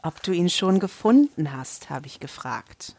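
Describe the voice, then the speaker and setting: An eccentric old grandmother, as a woman reads her aloud, blunt and curious, with slow, measured, commanding speech. Her voice sits lower than a plain speaking voice and swings widely in pitch, and it sounds dry and close. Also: big pitch swings, a little mellow, breathy edge, no room sound, exaggerated voice. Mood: prodding.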